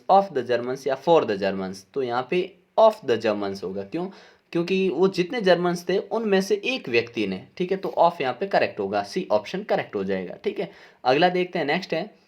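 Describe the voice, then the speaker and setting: A man, working as a teacher, explains an exam paper. He reads each question out slowly and then explains it with frequent checks that the students are following. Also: fairly high pitch, darkish tone.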